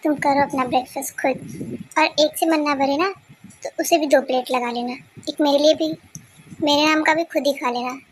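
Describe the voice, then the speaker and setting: A woman's voice: sits high, steady tone, moderate pace, a little hiss or hum, close to an everyday voice. A woman voicing a cold, curt young husband in a fan-dubbed romance story, talking in a brusque, scolding way.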